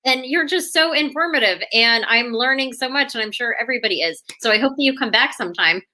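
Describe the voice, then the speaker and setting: A woman's voice: fairly high pitch, fast talker, sharp tone. A woman in her mid-thirties hosting a casual interview show, bubbly and talkative. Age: 30s. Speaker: show host.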